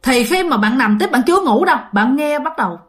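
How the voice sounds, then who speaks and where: A woman tells a ghost story in a chatty, casual manner, frequently speaking directly to her listeners. Her voice sits high and is expressive, brisk and fairly bright.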